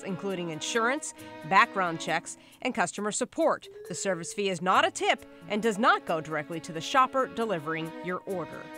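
A woman's voice: mid-range voice, a bit bright. A woman reporter reading a scripted consumer news segment in a wry, breezy manner. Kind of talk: scripted news narration with jokes. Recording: voice-over with clear music bed.

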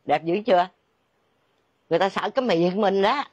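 A woman's voice: medium pitch, animated, moderate pace, muffled recording, close to an everyday voice. A woman playing a blunt, fed-up neighbor in a comedy sketch. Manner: blunt, dismissive scolding.

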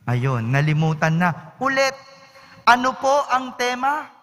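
A man, a priest, reading the gospel and preaching at Mass in a slow, measured, solemn way. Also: very high voice, very animated, fairly bright tone. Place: large church. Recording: echoey church hall.

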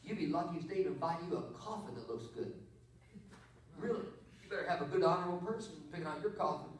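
A middle-aged man preaching a sermon as pastor, swinging between loud emphatic bursts and quiet storytelling. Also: fairly high pitch, expressive, fast talker. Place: church sanctuary. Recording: very roomy church sound, voice from far off.

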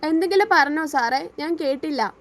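A woman's voice: high voice, lively intonation, moderate pace. A woman voicing a sulky, cheeky young wife in an audio story, with pouty, sarcastic remarks.

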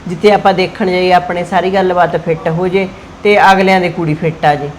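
An actress playing an older mother-in-law who soothes and gently scolds her son and daughter-in-law. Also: fairly low pitch, steady tone, brisk, slight background noise, close to an everyday voice. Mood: hopeful. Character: older mother-in-law keeping family peace.

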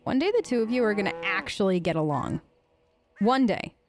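Playing her game character, a let's play host chats casually in character and thinks out loud throughout. She speaks a little fast with medium pitch and lively intonation, over soft background music.

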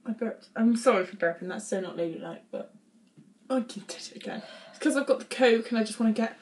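A woman's voice: on the high side, fast talker, a little mellow, slight background noise. A young woman vlogging a food challenge, dramatic and giggly. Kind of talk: casual chat.

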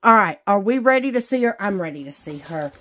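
A woman with a medium-pitched, animated, brisk voice that sounds pushed and bright chats to viewers as a craft vlogger. Indoors at a craft table, she does a casual unboxing in a gushing, exclamatory, folksy style.

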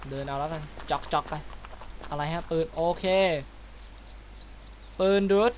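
A man talks his way through a game session in a casual, chatty let's-play style. His voice sits a little high, and he peppers his talk with playful mouth sound effects. Game sounds play loudly underneath. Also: measured pace, slight background noise. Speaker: gaming YouTuber. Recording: loud game sounds behind voice.

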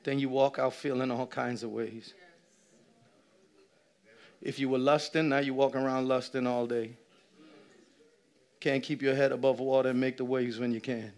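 A man in his thirties preaching a lively sermon on a church stage, swinging from shouts to low asides and acting out little scenes. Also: normal speed, long pauses. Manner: animated preaching, shifting between loud shouts and low asides. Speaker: pastor. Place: church stage with a seated audience.

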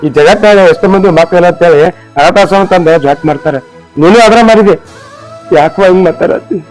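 A man's voice: sits high, brisk, darkish tone, faint music behind, lightly acted, poor audio. A man with a North Karnataka Kannada accent playing an earnest young villager who pleads reproachfully. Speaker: son and in-law in a comedy skit. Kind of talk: village comedy drama acting.

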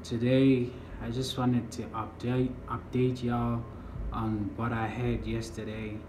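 A young man from the United States talking casually to a phone camera in a vlog, slow and drawling, often trailing off. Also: mid-range voice, completely flat delivery. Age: young adult. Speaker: vlogger. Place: small room indoors. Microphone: phone camera at arm's length. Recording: roomy phone recording, faint hiss.

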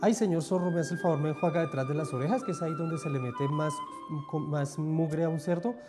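A man voicing a tiny, cunning male piglet who pleads and wheedles in a squeaky voice. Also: brisk, over music, natural voice. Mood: wheedling.

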